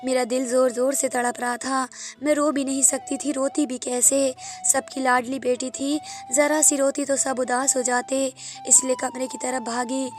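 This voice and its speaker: A woman tells an emotional first-person story with a sorrowful, heartfelt delivery. Her voice is high and stays fairly even in pitch, and soft music plays underneath. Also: moderate pace, few pauses. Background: faint music.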